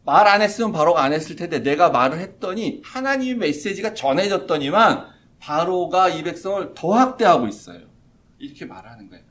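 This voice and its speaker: A middle-aged man preaches in a church, his pitch swinging widely as he retells the story. His voice sits a bit high for a man. He acts out the quoted voices as he goes. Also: animated, a little fast, a bit bright. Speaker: pastor. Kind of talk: sermon. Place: church sanctuary.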